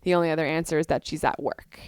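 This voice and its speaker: A woman in a casual two-person chat who retells scenes with lively emphasis. Her voice is smooth and clear, a little low for a woman, recorded close and dry. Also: fast, no echo. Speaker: co-host. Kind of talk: casual discussion of book versus film.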